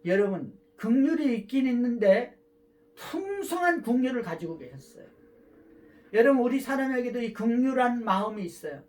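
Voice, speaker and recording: A man preaching a sermon as a pastor, emphatic, moving between loud cries and soft asides. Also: extremely high pitch, very animated, moderate pace.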